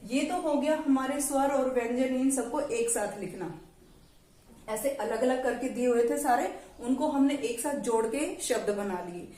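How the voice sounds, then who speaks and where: A woman teacher with a fairly high voice leads a lesson for young children. She sounds out each syllable slowly and patiently, and the recording carries a noticeable room echo. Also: dark tone. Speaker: primary school teacher. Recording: echoey room.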